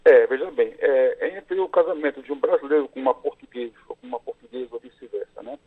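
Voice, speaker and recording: Over a phone line, a Brazilian man who works as a lawyer gives measured explanations in an interview, using fillers as he works through each point. His voice is medium in pitch and slightly rough.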